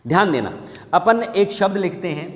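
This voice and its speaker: A male Hindi teacher runs an exam-prep grammar lesson in a high, lively voice at a normal speed. He asks the students questions, answers them himself, and repeats the key points, in an echoey room with long reverb.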